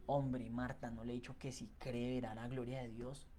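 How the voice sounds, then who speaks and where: A man's voice: medium pitch, level tone, moderate pace, dark tone, a little hiss or hum, natural voice. A man voicing a stern teacher who scolds and then calls out a command. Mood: scolding.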